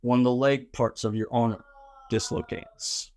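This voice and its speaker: A man's voice: mid-range voice, steady tone, measured pace, a little mellow, a little hiss or hum. Middle-aged man running a tabletop game. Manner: explains rules and describes the action step by step. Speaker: game master.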